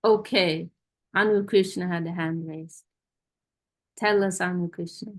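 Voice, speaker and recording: A woman's voice: fairly low pitch, steady tone, a little slow. A woman hosting an online question-and-answer session, talking casually and hesitantly over a video call, often restarting her sentences. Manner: warm, self-deprecating, hesitant with restarts. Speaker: host of a Q&A session.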